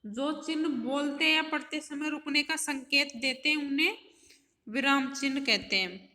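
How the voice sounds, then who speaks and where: Woman teacher, high voice, patient explainer for young pupils; echoey room. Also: sharp tone. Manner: slow, patient explaining with many questions to pupils. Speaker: school teacher. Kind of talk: classroom lesson for children.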